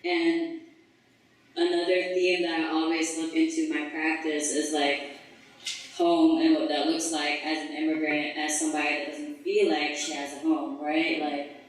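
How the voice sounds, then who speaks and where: A young woman from the Philippines talks about her art in a loose, chatty way, with plenty of "um"s and "like"s. Her voice sits low and calm. She is picked up from a distance in a very echoey gallery room. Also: unhurried. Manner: relaxed, chatty, many fillers like "um" and "like". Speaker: artist. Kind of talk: casual artist talk. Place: gallery event space. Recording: echoey room, heard from far off.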